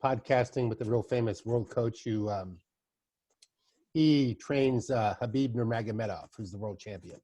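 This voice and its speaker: A middle-aged podcast host chats casually, telling loose stories full of asides. His voice is medium-pitched and mellow, at a normal speed.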